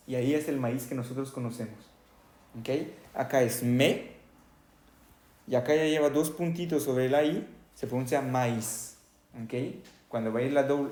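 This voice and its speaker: A man gives a French pronunciation lesson at a steady, mid-pitched tone. He models each sound slowly and checks in constantly with the class. His voice carries a noticeable roomy echo. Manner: repeats "¿ok?" after nearly every phrase, demonstrates sounds slowly. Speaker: French teacher.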